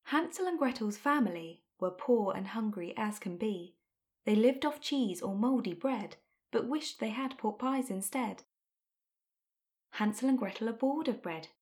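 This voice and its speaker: A woman narrating a rhyming story and phonics drills for a textbook audio track, with clear, deliberate delivery. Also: a little high, animated, a little mellow.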